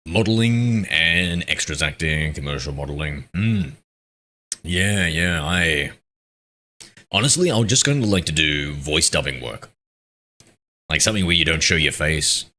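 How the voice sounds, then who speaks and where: A man's voice: extremely low pitch, animated, unhurried, sharp tone. A man, a game streamer chatting casually and bantering with his chat as he reads it aloud. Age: 30s.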